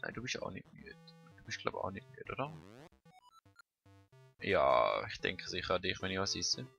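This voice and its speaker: Brief Swiss German man, let's play commentary, bright sharp voice, faint game music. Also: low-pitched, huge pitch swings, moderate pace, creaky. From Switzerland. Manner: chatty, muttering to himself, bursts of frantic shouting. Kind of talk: casual gameplay commentary.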